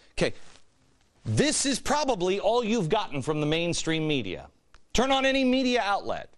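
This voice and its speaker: An American man hosting a political commentary show, delivering a sarcastic, mock-innocent monologue full of repeated phrases and pointed rhetorical questions. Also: on the high side.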